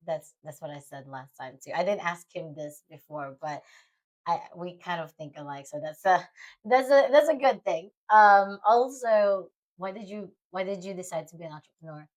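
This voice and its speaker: A woman hosting a podcast, chatty and quick to laugh, asking her husband questions in a casual conversation. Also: on the low side, poor audio. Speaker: podcast host. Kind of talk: casual chat.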